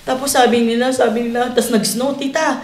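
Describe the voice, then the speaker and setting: A woman's voice: mid-range voice, animated, fairly quick, darkish tone, reverberant. A woman in her fifties from the Philippines, a guest telling stories in a casual interview and often laughing as she talks. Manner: chatty, often laughing while recounting. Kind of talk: casual storytelling chat.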